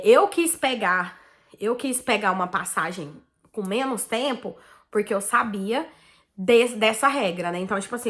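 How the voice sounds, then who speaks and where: A Brazilian woman vlogger with a Brazilian Portuguese accent, chatting casually and animatedly as she tells her viewers a personal story. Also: on the high side. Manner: chatty, animated, peppered with "tipo assim" and "né".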